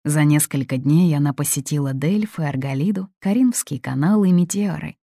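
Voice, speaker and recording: A woman narrating an audiobook in a calm, measured way. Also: deep voice, creaky, dry recording, clean studio sound. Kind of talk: scripted narration.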